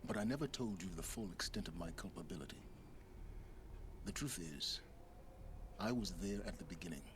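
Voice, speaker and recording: A secretive older schemer in a video game drama. The voice is deep, grave and deliberate, with theatrical weight, over clearly audible background ambience. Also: male voice, animated, background noise. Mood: grave confession. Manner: measured, solemn, deliberate, theatrical.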